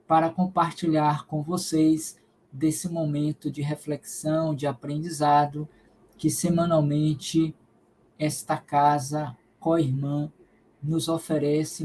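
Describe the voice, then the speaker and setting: A man from Salvador, Bahia, giving a spiritist lecture and leading a prayer in a slow, solemn, measured way. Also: a little high, mellow, slight background noise, poor audio. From Salvador, Bahia, Brazil. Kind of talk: devotional lecture and prayer in a live stream.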